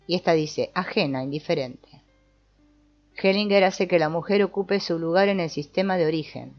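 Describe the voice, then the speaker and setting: A woman giving a calm, measured scripted narration. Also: fairly low pitch. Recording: dull lo-fi voice-over with soft guitar music.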